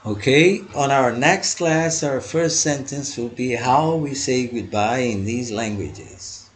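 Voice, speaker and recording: Slow-speaking man teaching phrases. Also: medium pitch. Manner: slow, deliberate, repeats each phrase. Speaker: language teacher. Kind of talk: multilingual lesson.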